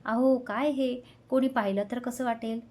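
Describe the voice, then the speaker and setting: A woman reading the part of a shy, gentle young woman in a spoken love story, soft and pleading. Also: a little high, steady tone, normal speed, close to an everyday voice.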